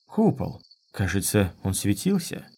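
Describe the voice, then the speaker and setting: A man's voice: fairly low pitch, big pitch swings, unhurried, vocal fry, dark tone, breathy edge, full character voice. A man doing a wary young woman.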